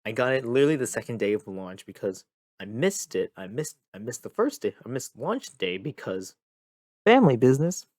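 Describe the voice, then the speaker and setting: A young man hosting a casual gaming vlog, tired and a bit monotone, rambling and repeating himself as he talks. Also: medium pitch, a little fast, no echo, studio quality. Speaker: gaming video host. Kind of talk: casual talk to camera.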